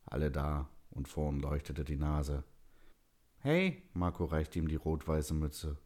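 Deep-voiced male audiobook narrator. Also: completely flat delivery, a little slow, mellow, breathy edge.

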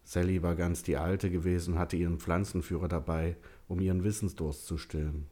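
A man reading a story aloud in calm, measured narration. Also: low-pitched. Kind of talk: scripted audiobook narration.

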